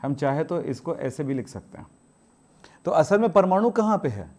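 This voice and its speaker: Man teaching chemistry, mellow voice. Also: a little high, very animated, normal speed. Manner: asks students questions and answers them himself; strict, scolding about homework. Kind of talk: classroom lecture.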